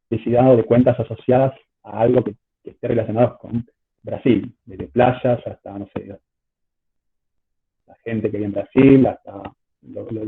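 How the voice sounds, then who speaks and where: A man's voice: fairly low pitch, breathy edge. A male teacher giving an online class lecture, stumbling over repeated words, his voice coming through choppy, glitchy video-call audio. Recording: tinny call line with faint noise.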